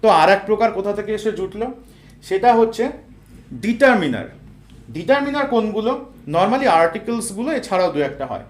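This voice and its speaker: A man's voice: high voice, lively intonation, brisk. A man teaching English grammar, explaining each point step by step with everyday examples and talking straight to his students. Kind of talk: explanatory lesson. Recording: echoey room.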